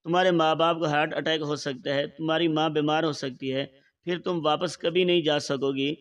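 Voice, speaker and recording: A calm, manipulative older widower, voiced by a male storyteller, talking in slow, hushed, measured phrases. The voice sits a little high and a little away from the microphone in this storybook reading. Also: natural voice. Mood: quiet, persuasive. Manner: slow, quiet, measured speech. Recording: voice slightly far from the mic.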